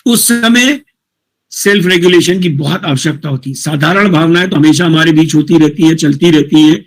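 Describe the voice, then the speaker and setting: A man, a college principal, giving a talk to teachers, reading English points slowly and explaining them conversationally. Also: a little high. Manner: casual, addresses listeners directly with questions. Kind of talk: motivational lecture to teachers.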